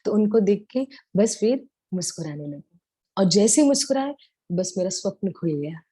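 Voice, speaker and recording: A woman's voice: medium pitch, moderate pace, slightly rough, no room sound. A woman giving a devotional talk, telling stories tenderly and mixing English words into her speech. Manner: tender, animated storytelling with Hindi-English mixing. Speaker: devotional speaker.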